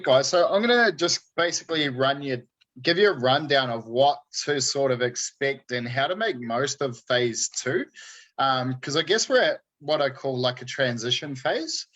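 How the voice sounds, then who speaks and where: A man's voice: medium pitch, fairly bright tone, muffled recording. A man, coaching a group in casual, laid-back chat full of matey slang. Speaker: fitness coach hosting a group check-in.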